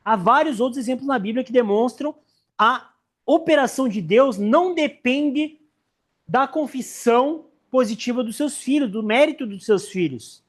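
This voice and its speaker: A man with a Brazilian accent teaching a church Sunday school class, joking and acting out Bible characters. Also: extremely high pitch. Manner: animated, joking, acts out Bible characters in quick voices.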